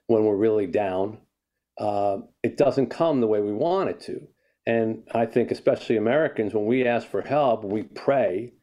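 A man's voice: fairly low pitch, mellow. An older man, an author guest in a conversational interview, telling a story and reflecting, often restarting his sentences.

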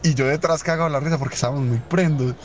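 A young man telling a funny anecdote in a rapid, rambling, amused way. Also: fairly high pitch, highs cut off. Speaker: storyteller. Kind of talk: casual anecdote.

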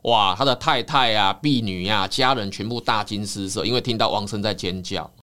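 Bright, animated male storyteller. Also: fairly low pitch, moderate pace. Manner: lively, dramatic storyteller. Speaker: counseling psychologist guest.

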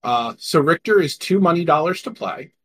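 A man co-hosting a podcast in casual chat, reading card text in a deadpan way. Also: on the high side, normal speed, slightly rough. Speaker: podcast co-host.

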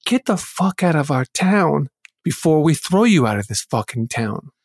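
A woman's voice: deep voice, very animated, moderate pace, a little mellow, slightly rough, full character voice. Woman playing a swooping, sugary Southern waitress. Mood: politely hostile. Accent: American South. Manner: folksy, syrupy, hesitant repetitions. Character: sugary, passive-aggressive Southern diner waitress. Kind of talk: improvised comedy scene.

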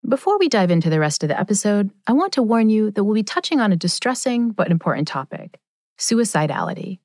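A woman's voice: medium pitch, very animated, fast talker, a little mellow, dry recording, clean studio sound. A woman hosting a podcast in scripted, explanatory narration. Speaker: podcast host.

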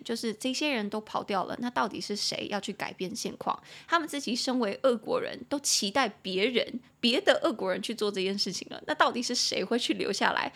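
A woman with a Taiwanese Mandarin accent hosting an English-learning podcast, reading English lines slowly and then explaining them in casual Mandarin. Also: mid-range voice, fairly bright tone. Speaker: podcast host teaching English.

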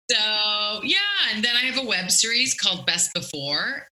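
A middle-aged woman with a Canadian accent chatting casually as an interview guest, joking and self-deprecating in an animated way. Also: mid-range voice, slow pace, poor audio. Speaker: guest comedian.

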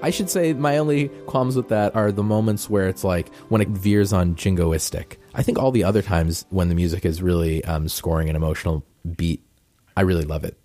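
A man's voice: low voice, fairly quick, mellow, soft background music. A man chatting casually as a podcast host being interviewed.

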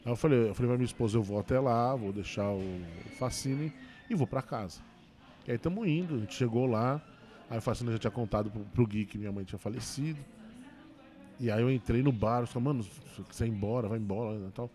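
Speaking fast and full of feeling, a male comedian shares something from his own life in a casual interview. His pitch is an ordinary mid-range for a man, and his telling is marked by frequent stumbles and restarts.

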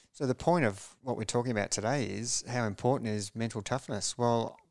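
A man, a former racing cyclist, telling a story as a podcast guest in a measured, low-key way and often restarting his phrases. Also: no echo. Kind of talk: reflective storytelling in a podcast interview.

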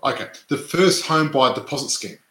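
A man's voice: medium pitch, moderate pace, bright, forceful tone, roomy sound, rough recording. A man from Adelaide, whose first language was not English, co-hosting a casual podcast chat and often tagging his points with "right?". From Australia (Adelaide). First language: not English; parents were immigrants. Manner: chatty, tags statements with "right?", many restarts. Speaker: podcast co-host, real estate investor.

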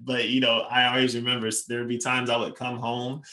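A young man, a touring basketball player, telling lively anecdotes in a casual interview with quick asides. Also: medium pitch.

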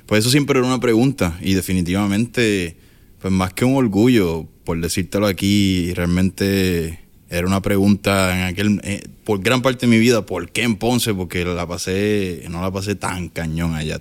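A Puerto Rican man in his thirties, fairly low in pitch, appears as an interview guest, an entrepreneur speaking with a Puerto Rican Spanish accent. His talk is casual and frank, sprinkled with English words, fillers, and frequent restarts.

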